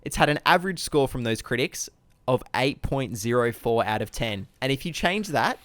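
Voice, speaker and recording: A man's voice: mid-range voice, expressive, moderate pace, fairly bright tone, dry recording. A man co-hosting a casual comedy film podcast, reading out ratings with a playful, teasing manner and laughing along. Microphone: podcast mic, remote recording.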